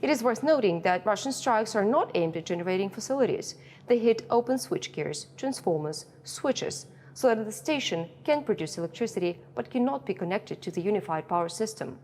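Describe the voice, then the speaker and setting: Reverberant, slightly noisy audio from inside a concrete bunker carries a woman's voice with a Ukrainian accent. She delivers a prepared statement as a spokeswoman, at a medium pitch. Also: animated, brisk, a little mellow. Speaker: energy company press secretary. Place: bomb shelter. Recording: long echo of concrete shelter, noisy.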